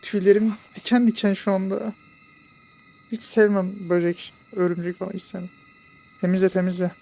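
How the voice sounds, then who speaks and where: A man giving casual let's play commentary, jokey and excitable, bantering with game characters. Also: high-pitched, normal speed, gravelly. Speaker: gamer.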